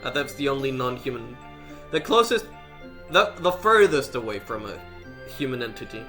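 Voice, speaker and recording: A man with a bright, sharp voice talks casually and thoughtfully on a game stream. He hesitates and restarts his sentences as he works through an idea. Soft game music plays behind him. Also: medium pitch, big pitch swings, moderate pace.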